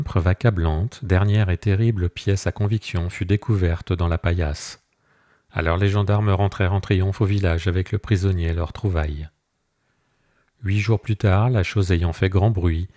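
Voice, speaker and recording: Audiobook narrator, man, low mellow voice, measured delivery, dry close sound. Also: no room sound. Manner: measured storytelling. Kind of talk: scripted narration.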